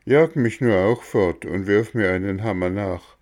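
A man's voice: on the low side, unhurried, a little mellow, natural voice. A man voicing a remorseful, polite wooden puppet boy in a storybook reading, in a pleading, apologetic way. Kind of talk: storybook narration.

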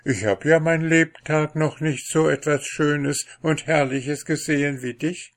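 A man's voice: fairly high pitch, measured pace, pitched above the performer's own voice. A man voicing a shy, unlucky young man in a fairy tale, speaking timidly and pleadingly.

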